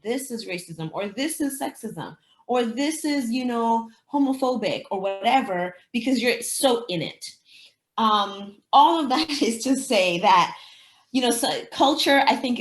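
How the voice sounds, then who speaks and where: The echo of a roomy space surrounds this fairly high-voiced interviewee, a Spanish-speaking teacher and anti-racism educator from the Dominican Republic. Her explanations are conversational, peppered with thinking aloud and rhetorical questions.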